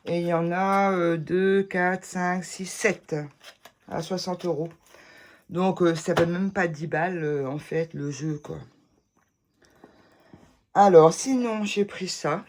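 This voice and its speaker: A woman's voice: on the low side, steady tone, takes it slowly, pauses often, a little mellow. A woman chatting casually to the camera as she shows off her tarot decks, rambling and full of hesitations and restarts. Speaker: vlogger showing tarot decks. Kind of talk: casual chat.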